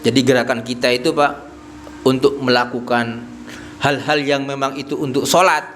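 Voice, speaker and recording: Mid-pitched man, an Islamic teacher leading a mosque study circle, talking to the congregation in short conversational bursts. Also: steady tone, normal speed, a bit bright, slight background noise. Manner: tags nearly every phrase with "Pak"; asks the audience questions and answers them himself. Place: small prayer hall.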